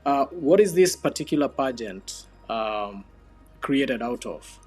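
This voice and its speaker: A man's voice: mid-range voice, lively intonation, takes it slowly, darkish tone, husky, faint music behind. A man hosting a diaspora TV interview, with formal introductions and brief prompts. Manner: formal broadcast introductions, short listening replies. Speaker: TV host. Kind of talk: hosted interview.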